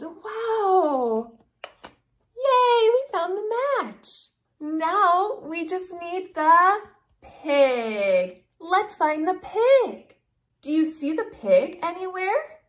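Female kids' host, thirties. Very high, lively pitch, simple sing-song teaching, as if reading to a toddler. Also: extremely slow. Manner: sing-song, exaggerated, repeating simple phrases. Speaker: children's educational video host. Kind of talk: toddler lesson, talking slowly and simply to a small child.

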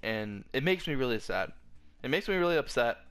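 A man's voice: medium pitch, big pitch swings, fairly quick, fairly bright tone, clear, resonant tone. A man delivering a frustrated, profane rant about a video game, stumbling and restarting often, his voice cracking. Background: faint background music.

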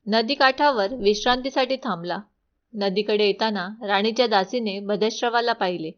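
A woman narrates a devotional folk tale in a steady, recited manner. Her voice sits at a middle pitch, and the recording sounds slightly dull and lo-fi. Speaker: storyteller.

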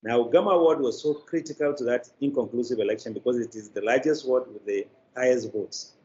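An older Nigerian-accented media producer, appearing as an interview guest over a video call from an indoor room, answers with anecdotes. His mid-range voice is mellow, and he picks his phrases deliberately and haltingly, heard through slightly dull video-call audio.

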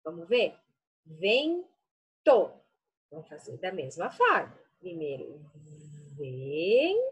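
This teacher, a woman with a Brazilian Portuguese accent, uses slow, affectionate teacher talk to give young children an early-literacy lesson, sounding out words one syllable at a time. Her voice sits low and is a bit bright and husky, with big pitch swings, and the sound is lo-fi.

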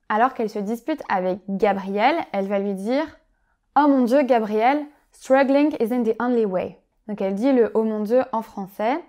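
A French woman with a fairly high voice gives a vocabulary lesson. She explains each phrase patiently and clearly, pausing now and then on "euh". She acts out the examples with a lively tone. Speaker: French teacher.

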